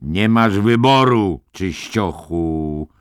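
A man voicing a menacing male hospital orderly who taunts with mock gentleness, in an audiobook reading. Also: deep voice, expressive, extremely slow, smooth, no echo, clean studio sound, pitched above the performer's own voice, heavily acted. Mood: mock-sad.

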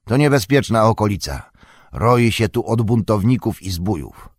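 A sly, vicious orc, as a male narrator acts him out, sneering and mocking with a smoother, less brutish tone than the others. His voice swoops from low menace to high taunting, all recorded dry and close for a storybook reading. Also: very animated, moderate pace, dry recording. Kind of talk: audiobook character voice.

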